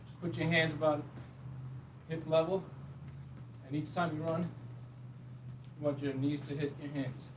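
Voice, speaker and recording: A man's voice: fairly high pitch, level tone, measured pace, pauses often, roomy sound. A man leading a short home workout, explaining each exercise in a casual, encouraging way as he does it. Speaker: fitness instructor. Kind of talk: workout demonstration. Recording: distant mic with clear background noise.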